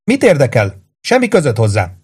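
A man's voice: medium pitch, huge pitch swings, a little mellow, husky, pitched above the performer's own voice. Snappish barmaid, as a man puts her on. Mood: irritated. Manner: curt, snappish. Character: irritable young woman bar waitress.

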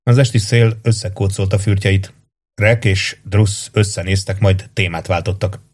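Male audiobook narrator, low voice, steady narration. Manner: even, steady storytelling. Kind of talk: scripted narration.

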